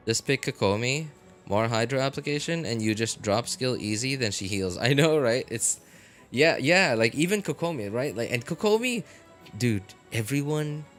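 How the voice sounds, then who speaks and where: Here a medium-pitched male gaming streamer chats loosely during a live game stream. He rambles, leans on lots of filler words, and grows animated over his views.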